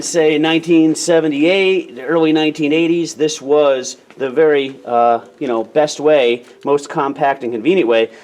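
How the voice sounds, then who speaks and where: An American man with a fairly high voice acts as an instructor in a relaxed, hands-on demo. He explains things plainly, one small step at a time, and checks in as he goes.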